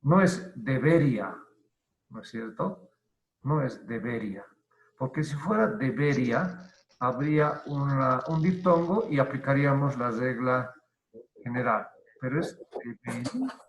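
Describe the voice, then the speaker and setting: A male teacher giving an online grammar lesson, who explains deliberately, repeats key terms and asks and answers his own questions. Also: medium pitch, lively intonation. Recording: roomy, dull lo-fi online class audio.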